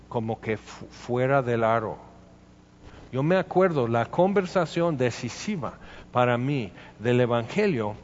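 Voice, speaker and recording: A man preaching a sermon, conversational, acting out quoted voices with frequent restarts. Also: medium pitch. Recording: dull echoey hall recording.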